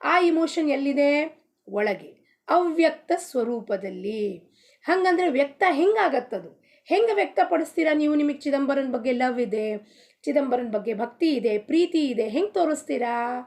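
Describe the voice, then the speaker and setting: Woman spiritual teacher, high voice, question-and-answer devotional talk. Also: expressive, a little slow, darkish tone. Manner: asks rhetorical questions and answers them herself. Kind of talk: devotional discourse in Kannada with sung Marathi abhang.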